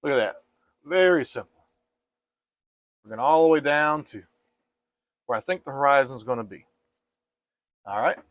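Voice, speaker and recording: A man teaching painting step by step in a casual, gentle and reassuring way, like an easygoing instructor. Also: medium pitch, lively intonation, moderate pace, pauses often, dry recording, studio quality.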